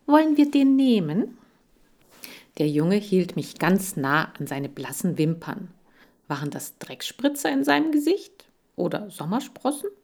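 A woman reading a children's story aloud to young listeners. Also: fairly low pitch. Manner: slow, lively expressive reading. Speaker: audiobook reader.

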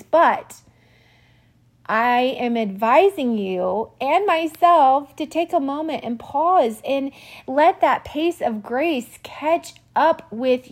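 Woman in her 40s doing a solo podcast, talks fast and wry, bit breathless, unhurried rhythm overall. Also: high-pitched. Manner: fast-talking, animated and self-mocking. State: a little out of breath. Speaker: podcast host. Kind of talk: personal monologue.

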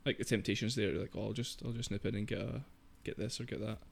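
A Scottish man co-hosting a casual podcast, rambling and halting with many restarts. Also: on the low side, steady tone, gravelly. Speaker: podcast co-host. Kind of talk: casual chat.

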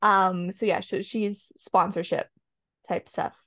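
A woman's voice: medium pitch, steady tone, slow, fairly bright tone, no echo, studio quality. A woman chatting casually on a podcast, opinionated and rambling with lots of ums. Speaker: podcast co-host. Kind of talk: casual chat.

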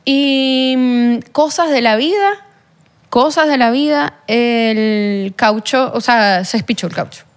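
A young woman with a Venezuelan accent and a somewhat high voice tells a personal story in an interview. Her sentences wander and restart, packed with fillers, and she slips into the voices of the people she quotes. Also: takes it slowly, smooth. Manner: rambling, many fillers, acts out quoted speech. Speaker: guest.

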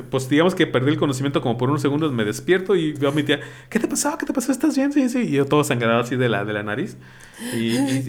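A Mexican man in casual podcast chat, recalling childhood mishaps with frequent laughter. He slips into other people's voices when he quotes them, and his voice sits mid-range. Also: medium pitch. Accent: Mexican Spanish. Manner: storytelling, laughs often, acts out quoted voices. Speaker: podcast co-host.

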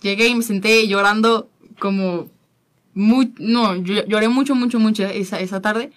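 Woman guest, heartfelt testimony, hesitant repeats, mid pitch. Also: steady tone, noisy background. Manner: earnest, halting, repeats words. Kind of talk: personal faith testimony.

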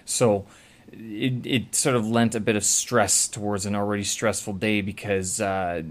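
A Canadian vlogger rambles through a casual monologue to camera in a lowish voice. He speaks in a level tone at an unhurried pace, with many filler sounds and self-corrections.

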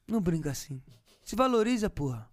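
Tipsy podcast guest, high-voiced man, gushing and profane. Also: sing-song, fairly quick. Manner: tipsy, effusive, swears a lot. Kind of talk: casual chat.

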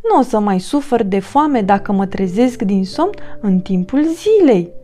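A woman doing a small kindly hedgehog, storybook, eager, soft mellow tone. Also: mid-range voice, lively intonation, slight background noise, close to an everyday voice. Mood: gentle.

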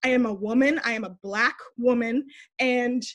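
A young woman, an interview guest, telling a candid story in a blunt, animated way, swearing freely and acting out what people said. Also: fairly high pitch, normal speed. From United States. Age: young adult.

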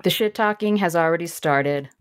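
A woman's voice: on the low side, normal speed, clear, resonant tone. A woman co-hosting a casual podcast chat, joking, swearing and laughing often. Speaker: podcast co-host.

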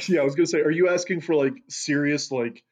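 A man's voice: fairly high pitch, fairly even intonation, brisk. A man co-hosting a casual podcast, talkative and telling long anecdotes. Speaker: podcast co-host. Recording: slightly dull audio.

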